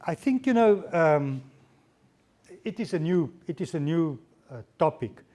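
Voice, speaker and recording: Halting, mellow diplomat. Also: male voice, a little high, expressive. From South Africa. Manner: halting, repeats words while searching for phrasing. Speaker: diplomat giving a guest lecture. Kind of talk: lecture answering audience questions.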